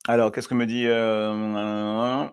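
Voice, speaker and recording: Lively man hosting. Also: on the low side, slow pace, clean tone. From Mauritius. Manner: lively, switching between French and Creole, reading comments aloud. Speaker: host. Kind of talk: live stream reading viewer comments.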